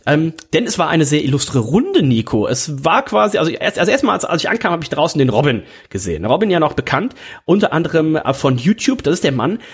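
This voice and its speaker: A man's voice: on the high side, sing-song, quick pace, slightly rough. A man hosting a casual wrestling chat, telling stories in a rambling way with many fillers and restarts. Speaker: podcast host.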